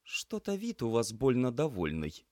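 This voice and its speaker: A grumpy, sulky young woman activist, as a male narrator puts her on. Pitch raised above his own, but flat in force and grumbling. Dry, close recording. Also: measured pace, dry recording.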